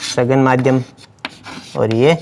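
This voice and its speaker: A man's voice: mid-range voice, little pitch movement, takes it slowly, vocal fry, a little mellow, a little hiss or hum. A man teaching a science lesson, explaining step by step and repeating key words as he writes on the board. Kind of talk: blackboard lesson.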